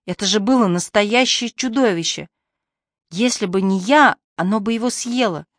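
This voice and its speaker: A woman's voice: mid-range voice, normal speed, no echo, clean studio sound, close to an everyday voice. Woman reading a fierce, clever young policewoman. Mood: indignant. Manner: angry, fierce hissing.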